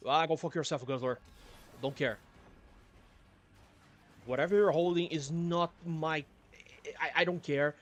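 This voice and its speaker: A somewhat high-pitched man casually narrates a game stream, grumbling and swearing freely with a dry, sardonic edge. He talks a little slowly with long pauses and seems to be at home in his apartment.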